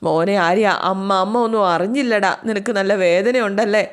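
A woman's voice: mid-range voice, moderate pace, smooth, lightly acted. A worried mother speaks tenderly and pleadingly to her hurt son. A woman narrator takes her part. The tone stays close to plain speech.

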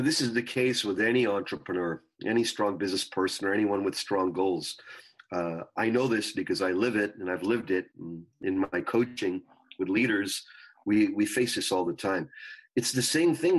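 A man speaking as a spiritual guru and coach in an interview, teaching earnestly in measured phrases. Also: fairly low pitch, slightly rough, rough recording. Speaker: spiritual coach and retreat leader, guest. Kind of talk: interview talk, explaining teachings.

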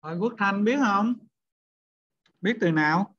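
A man's voice: high voice, a little slow, a bit bright. A male teacher, lecturing a class and questioning students one by one. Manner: questioning students, repeats points. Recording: dull lo-fi sound.

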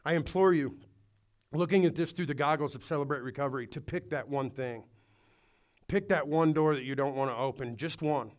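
In a church hall, a pastor preaches earnestly to his congregation, urging them on and restarting a few times. His voice is on the high side and a little fast.

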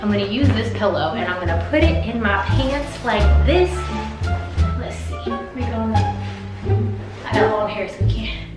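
A woman's voice: medium pitch, expressive, normal speed. A young woman hosting a casual prank vlog, playful and teasing, with a slangy way of talking. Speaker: vlog host. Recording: echoey room, off-mic, light music.

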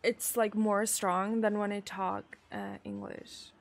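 A Swedish woman in her thirties, speaking with a Swedish accent, chats casually and giggles while reading viewer messages during a live stream. She's in a small room using a desk mic on a boom arm, and her tone stays steady. Her delivery is giggly and chatty, with drawn-out pauses.

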